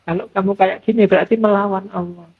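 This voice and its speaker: A middle-aged man giving a relaxed, conversational mosque lecture as a philosophy teacher. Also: high voice, brisk, breathy edge. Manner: relaxed conversational preaching, acts out quoted voices. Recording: thin phone-like lo-fi sound.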